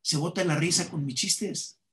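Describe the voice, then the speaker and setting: Man, Mexican accent, comedian, interview storytelling, fairly high voice. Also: normal speed, crowd noise. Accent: Mexican Spanish. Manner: animated anecdote-telling, acts out dialogue.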